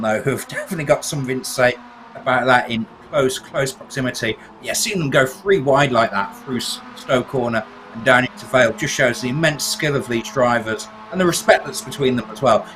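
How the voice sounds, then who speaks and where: Chatty co-commentator, noisy background. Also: male voice. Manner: chatty, chuckling, rising in pitch at close moments. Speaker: race co-commentator. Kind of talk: live motorsport colour commentary. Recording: commentary with clear background noise.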